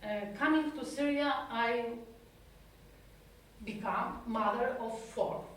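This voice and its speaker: With a slightly high, somewhat bright voice, a European therapist gives a personal talk in a talk room at an institute, speaking slowly and pausing to find words in her second language. The far-away mic leaves the room echoing, with slight background noise.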